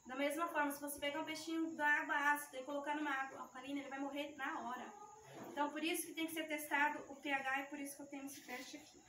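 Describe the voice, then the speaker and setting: A woman's voice: high-pitched, little pitch movement, fast, bright, forceful tone, slight background noise. A woman giving a youth ministry teaching talk, explaining each step of a live demonstration to her listeners, her voice shaky with nerves. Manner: explanatory, talks the audience through each step. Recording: echoey room mic from far off.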